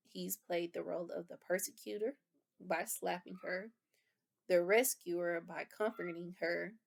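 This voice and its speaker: Low gravelly woman lecturing. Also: a little mellow. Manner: explanatory, rephrases terms with fillers. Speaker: instructor. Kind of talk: lecture review.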